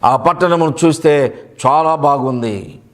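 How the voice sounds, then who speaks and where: A man's voice: on the high side, a little slow. A male pastor preaching a sermon, emphatic and repeating key phrases for weight.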